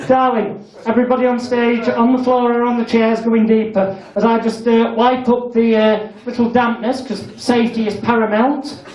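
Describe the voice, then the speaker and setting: On stage at a live comedy show, a British man with an extremely high, flat, slightly mellow voice performs comedy hypnosis at normal speed. He gives commanding hypnotic instructions mixed with cheeky, blunt banter to the people on stage. The lo-fi recording is echoey, with a distant mic and crowd noise.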